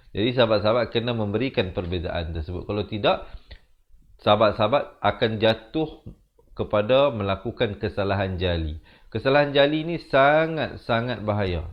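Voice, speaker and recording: A man with a Malaysian Malay accent teaching Quran recitation rules, moving between slow drawn-out demonstrations and quick explanations that trail off softly. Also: medium pitch, muffled recording.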